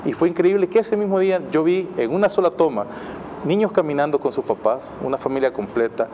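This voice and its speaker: A man's voice: a little high, a little fast, dark tone, a little hiss or hum. A man from El Salvador with a Salvadoran accent, a guest on a TV interview, talking enthusiastically and rambling with many fillers. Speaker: guest, city mayor. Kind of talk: casual TV interview.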